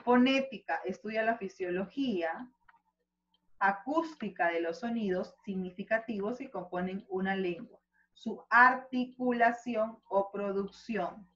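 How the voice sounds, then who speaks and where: Peruvian teacher checking in with "¿no?". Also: female voice, mid-range voice, a bit bright, slight background noise. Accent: Peruvian Spanish. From Peru. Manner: explains slowly with many rhetorical "¿no?" checks. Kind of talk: online class lecture. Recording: slightly dull lo-fi audio.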